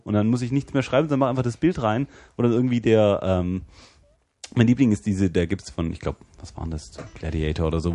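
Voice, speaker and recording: Man, low voice, joking casual podcast talk, trails off, dry close sound. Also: dark tone, no echo. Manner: joking, loose, trails off mid-sentence. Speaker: podcast co-host. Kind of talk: casual chat.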